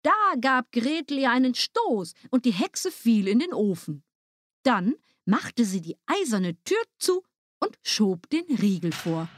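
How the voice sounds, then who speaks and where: A lively woman reading a fairy tale. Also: fairly high pitch, slow, no echo, studio quality. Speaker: storyteller. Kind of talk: fairy-tale read aloud.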